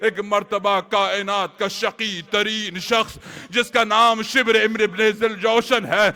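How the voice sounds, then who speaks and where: A man delivering a mourning sermon as a religious orator, in an impassioned, lamenting way with drawn-out cries. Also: high-pitched, fairly even intonation, pushed and bright.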